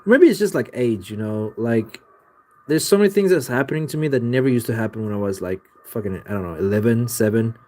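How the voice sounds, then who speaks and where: A young man with a dark, expressive mid-range voice talks briskly to his livestream audience from his home art studio. The artist's replies to viewers are casual and rambling, laced with profanity and constant "like" fillers.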